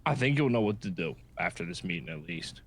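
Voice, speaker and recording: A man playing an earnest, supportive friend in improvised game role-play, chatting casually in a halting, repetitive, consoling way. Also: sits low, lively intonation, creaky, a bit bright, breathy edge, dry recording, full character voice.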